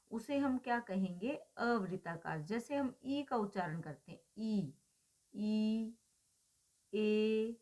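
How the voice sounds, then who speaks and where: Woman teaching with rhetorical questions. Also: medium pitch. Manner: asks rhetorical questions and answers them; draws out vowel sounds as examples. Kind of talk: explanatory lecture.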